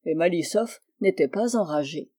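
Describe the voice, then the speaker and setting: A woman narrating an audiobook of a classic novel in a measured, expressive storytelling manner. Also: on the low side. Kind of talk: audiobook reading.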